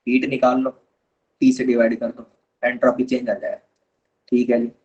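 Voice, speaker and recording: A man's voice: mid-range voice, flat delivery, normal speed, a little mellow, breathy edge, lo-fi sound. A man teaching a live online chemistry lesson, patiently explaining step by step and calling his students kids.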